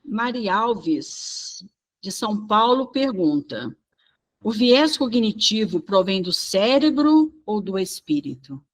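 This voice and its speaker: A woman reading out listener questions in a slow, measured way. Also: mid-range voice, big pitch swings.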